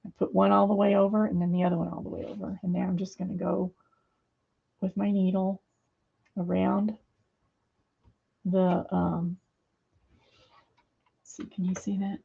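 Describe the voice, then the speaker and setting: A woman's voice: medium pitch, flat delivery, moderate pace, gravelly, pauses often, husky, phone-quality sound. A middle-aged woman hosting a craft video from her home studio, chatting casually and rambling with many fillers as she sews. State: hands a little weak, fumbling.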